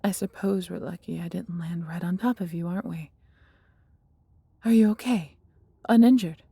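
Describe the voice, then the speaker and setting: With no room sound, a woman heavily acts the part of a female dragon in a fantasy audio roleplay, fiercely protective and brimming with affection. Her voice runs low, dark and soft, heavily breathy and husky, at normal speed; the formal storybook phrasing feels theatrical yet intimate, and she comes across as tender and proud.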